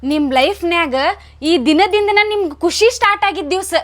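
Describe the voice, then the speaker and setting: A woman's voice: extremely high pitch, brisk. A woman with a North Karnataka Kannada accent playing a coaxing, nagging young wife in a comic sketch. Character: pleading, whiny young wife. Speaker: comedy sketch actor.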